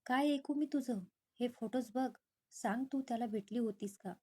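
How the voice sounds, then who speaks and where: A woman's voice: on the high side, steady tone, moderate pace, warm tone, natural voice. A woman voicing an angry young man who feels betrayed by his lover. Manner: angry, harsh.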